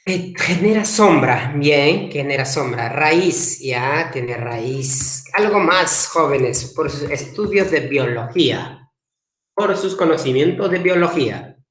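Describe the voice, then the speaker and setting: A man teaching an online language class, repeating his questions slowly and coaxing students to answer in the chat. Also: on the high side, animated, fairly bright tone. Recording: echoey room.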